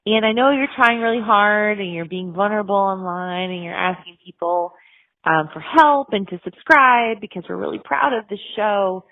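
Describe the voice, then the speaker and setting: A woman, a podcast co-host, leaving a halting, mock-sympathetic voicemail full of ums, heard over a phone line. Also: mid-range voice. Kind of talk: comic voicemail message. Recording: tinny narrow phone-line sound.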